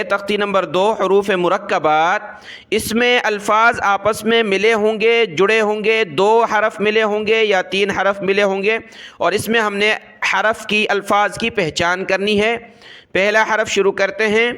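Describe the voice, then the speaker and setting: Man, high-pitched, bright tone, Quran letter drill, slow repeated letters. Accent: Urdu-speaking Pakistani. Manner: explains fast, then stretches each letter slowly three times. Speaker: Quran reading teacher.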